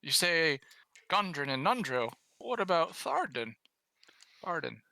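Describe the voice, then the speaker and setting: A man voicing an old town official, courteous and concerned, in a halting, questioning manner. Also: on the high side, big pitch swings, vocal fry, pushed and bright, no room sound, pitched above the performer's own voice, full character voice. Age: older.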